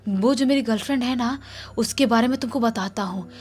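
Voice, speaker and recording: A woman voicing a lovelorn young male jinn who pleads softly and keeps reassuring. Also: a little high, fairly quick, a little hiss or hum, lightly acted. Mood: pleading. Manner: soothing, insistent reassurance.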